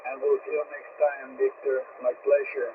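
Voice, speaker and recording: A man's voice: medium pitch, little pitch movement, normal speed. Crackly shortwave radio man. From Mexico. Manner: courteous, repeats sign-off phrases. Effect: crackly shortwave radio transmission. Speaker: amateur radio operator. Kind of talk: ham radio contact calls with phonetic call signs. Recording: crackly narrow-band shortwave radio, loud static. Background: radio static.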